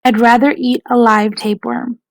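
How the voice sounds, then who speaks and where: Woman narrator playing a dry, sarcastic high-school girl in an audiobook, slightly gravelly tone. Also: flat delivery, normal speed, no room sound.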